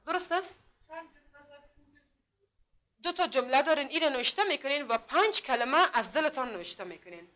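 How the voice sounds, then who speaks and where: A woman with an Afghan Dari accent teaching a literacy class in a high, bright voice. She stretches each letter and syllable slowly as she sounds it out. She keeps asking the class questions and praises their answers. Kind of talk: classroom lesson.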